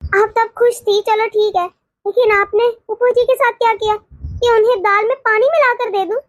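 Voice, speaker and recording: A woman's voice: extremely high pitch, fairly even intonation, normal speed, dry recording, studio quality. A woman voicing a polite but firm young daughter-in-law in a cartoon, arguing earnestly and respectfully. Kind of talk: cartoon voice acting.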